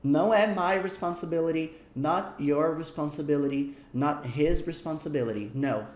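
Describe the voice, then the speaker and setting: Animated male English teacher, echoey room. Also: on the high side. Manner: animated, stretches out example words slowly. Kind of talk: explanatory language lesson.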